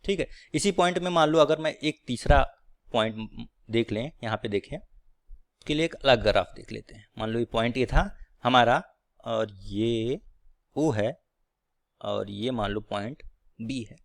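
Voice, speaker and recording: A man's voice: mid-range voice, unhurried, gravelly. Man teaching physics step by step. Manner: explains step by step, often checking with "ठीक है". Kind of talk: blackboard physics lecture.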